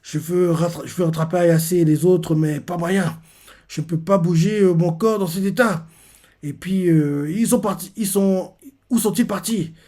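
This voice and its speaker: A man's voice: sits high, moderate pace, dark tone, voice pushed up. A man voicing a teenage boy who cries out in pain and panic as he reads a manga aloud. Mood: pained, frantic. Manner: pained, crying out. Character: teenage boy in agony, frantic and breathless.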